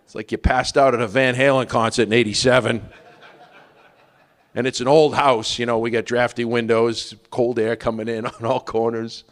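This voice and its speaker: Wry comedian in an echoing hall. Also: male voice, medium pitch, flat delivery, normal speed. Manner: wry storytelling, asking the crowd questions. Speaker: stand-up comedian. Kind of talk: stand-up comedy routine. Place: stage in a large hall. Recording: long reverb of a theater hall.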